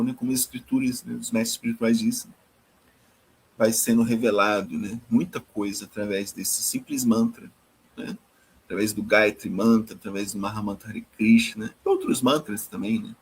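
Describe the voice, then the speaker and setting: Husky man teaching scripture. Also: lowish voice, lively intonation, normal speed, rough recording. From Brazil. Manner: tags nearly every phrase with a questioning "né?"; repeats and restarts words while searching for phrasing. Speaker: devotional teacher. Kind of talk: scripture reading and commentary.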